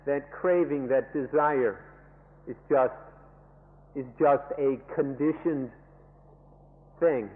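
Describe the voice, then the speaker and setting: A man interpreting a dharma lecture into English, emphatic, restating each point in several wordings. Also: medium pitch. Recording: lo-fi phone-like archival tape with long reverb.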